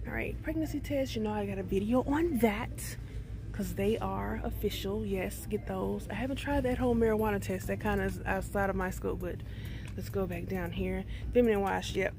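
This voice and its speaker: Filming on a handheld phone while walking down a store aisle, the middle-aged woman vlogger keeps up casual shop-with-me chat, calling viewers "y'all." She speaks in a mid-range voice at a moderate pace.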